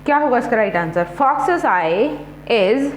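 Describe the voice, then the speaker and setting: Woman teacher, high and slow, running a quiz lesson. Echoey room, faint hum. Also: expressive. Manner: poses questions, repeats options slowly, then gives the answer. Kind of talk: exam prep quiz lesson.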